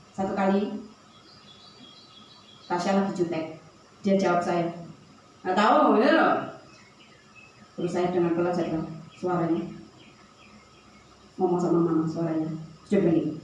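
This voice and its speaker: A woman preaches in a relaxed, conversational storytelling manner and drifts easily into anecdotes. Her voice rings through a very reverberant church hall. She sounds distant from the mic, with faint ambient noise behind her. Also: lowish voice. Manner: conversational storytelling, tangents and light laughs. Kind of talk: sermon. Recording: very echoey hall from far off.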